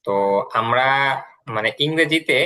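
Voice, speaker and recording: Bright-voiced male online English teacher. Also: mid-range voice, low-quality recording. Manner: slow, repeats words while explaining. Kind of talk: online class explanation.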